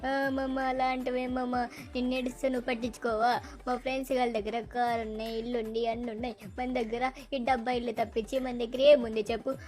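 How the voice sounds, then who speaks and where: A woman's voice: a little high, level tone, fast talker, darkish tone, faint music behind, lightly acted. A woman voicing a whiny, pleading little boy in a game dub. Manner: whining, begging, sulky.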